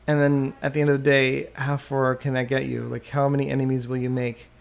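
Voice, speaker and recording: A man hosting a solo podcast, thinking out loud and often trailing off and restarting mid-sentence, into a desktop microphone. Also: mid-range voice, monotone, brisk, vocal fry. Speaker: podcast host. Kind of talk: rambling solo podcast monologue. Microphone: USB desktop microphone.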